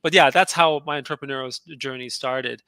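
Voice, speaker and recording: Clean and echo-free, the recording captures a medium-pitched male voice that is fairly quick, bright and forceful. He's a middle-aged guest entrepreneur, originally Austrian with German as his native language, casually relating his story in an interview, chatty with plenty of laughs, fillers and restarts.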